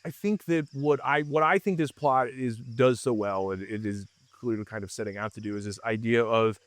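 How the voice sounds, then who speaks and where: A man's voice: medium pitch, moderate pace, no room sound. A man co-hosting a film podcast who asks long, winding questions and keeps interrupting himself. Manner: rambling, self-interrupting questions. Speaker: podcast co-host. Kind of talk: casual film discussion.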